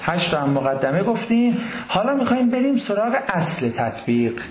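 A man giving a university lecture on religion in a classroom, lively, often posing questions to the class. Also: high voice, roomy sound, dull audio.

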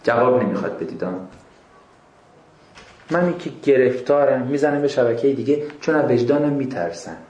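A middle-aged man preaching to an audience, impassioned, swinging between hushed and raised voice and firing rhetorical questions at his listeners. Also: medium pitch, lively intonation, long pauses. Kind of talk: religious lecture to an audience. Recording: echoey lecture room.

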